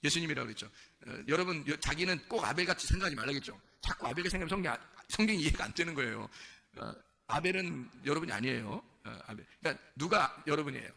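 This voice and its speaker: A pastor with a fairly high, gravelly, bright voice preaches forcefully, quickly and with lively intonation. During the sermon he asks his congregation questions and acts out lines he quotes.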